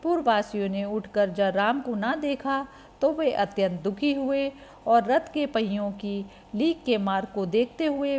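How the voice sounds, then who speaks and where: A woman reads a sacred epic aloud as a scripted narration. Her delivery is very slow and deliberate. Her voice sits at a middle pitch and keeps an even, measured reading tone.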